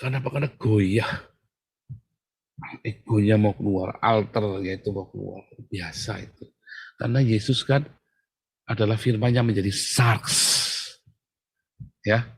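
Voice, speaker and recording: Lively chatty male preacher. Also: fairly low pitch, measured pace, creaky, pauses often, slightly rough, no echo. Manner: chatty, joking, swings between loud emphasis and hushed calm. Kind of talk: casual sermon.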